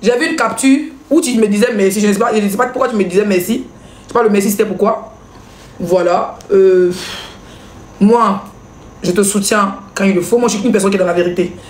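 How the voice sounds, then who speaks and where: A woman's voice: mid-range voice, darkish tone, reverberant. A woman blogger, hosting a live stream and commenting in a mocking, laughing way. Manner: mocking, laughing, rapid back-and-forth with viewers.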